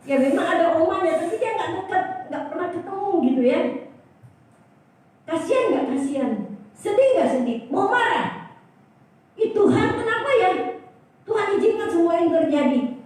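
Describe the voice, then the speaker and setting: A woman's voice: very high voice, moderate pace, pauses often, far from the mic. Older woman preaching in an echoey church. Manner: lively, repeats the key phrase, asks the congregation questions. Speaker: pastor. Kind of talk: sermon. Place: church hall.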